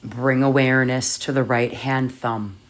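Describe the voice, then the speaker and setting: Slow, soft meditation guide. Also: medium pitch, fairly even intonation. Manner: soft, soothing, measured delivery with long pauses. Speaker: yoga nidra meditation guide.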